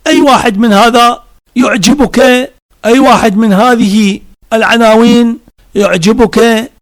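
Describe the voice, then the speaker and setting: High-pitched guy lecturing on religion, slow, repeats himself a lot for emphasis. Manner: repetitive, emphatic, lists synonyms one by one.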